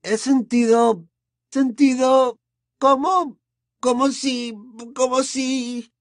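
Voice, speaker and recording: A man voicing a spoiled teenage boy, shaken and scared, hoarse and trembling, stammering over his words. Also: very high voice, drawn-out words, no room sound, studio quality, voice pushed up, heavily acted. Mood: terrified.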